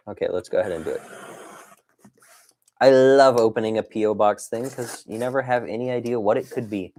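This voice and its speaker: A man hosts a casual livestream for a toy dinosaur collecting channel, chatting playfully with viewers, reading their messages aloud and drifting into exclamations and asides. His voice is on the low side with a darkish tone.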